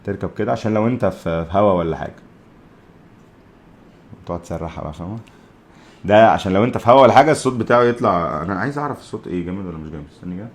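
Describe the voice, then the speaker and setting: This man's low, expressive voice races along with frequent pauses. An Egyptian-accented tech vlogger, he reviews gear in a casual, chatty manner, repeating points and addressing the camera crew.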